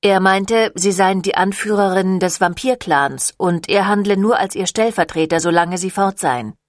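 A woman voicing a young male vampire in an audiobook, talking in a flustered, quick and defensive way. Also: mid-range voice, dry recording, clean studio sound, lightly acted. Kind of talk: audiobook reading.

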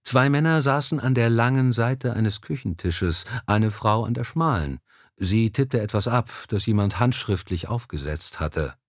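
A man narrating an audiobook in a calm, even storytelling manner. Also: on the low side, measured pace, no room sound, clean studio sound. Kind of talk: scripted narration.

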